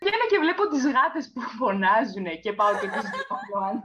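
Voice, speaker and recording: A woman's voice: fairly high pitch, big pitch swings, a crowd in the background. A woman in a casual chat who stammers and restarts her words. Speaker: podcast co-host. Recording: dull lo-fi sound.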